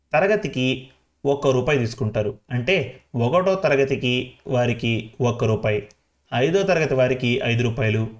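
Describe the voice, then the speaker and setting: A man's voice: medium pitch, lightly acted. A man voicing a folksy villager who chats directly to the listener. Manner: folksy, chatty, talks straight to the listener. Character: chatty rustic villager addressing the listener.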